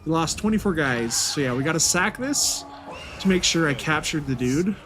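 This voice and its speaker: A man's voice: on the high side, lively intonation, moderate pace. A man thinks aloud in casual commentary as he plays a strategy game. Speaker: gaming video host.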